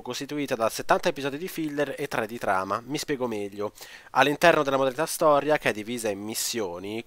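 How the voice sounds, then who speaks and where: Man, game review, blunt and ranting, swears a lot, lowish pitch, dry sound. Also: a bit bright, no echo. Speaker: gaming video creator.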